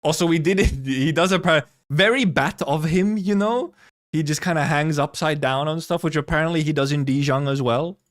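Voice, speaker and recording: Streaming his reaction to a game trailer, a man rambles playfully at a moderate pace, repeating himself and swearing casually. His voice is fairly high, with faint music in the background.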